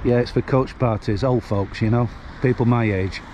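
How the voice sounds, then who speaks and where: Speaking at a normal speed, this man has a medium-pitched, slightly mellow voice with fairly even intonation and a bit of hiss or hum. He's a Northern English vlogger in his sixties, rambling in a folksy way while walking a seafront street and filming handheld.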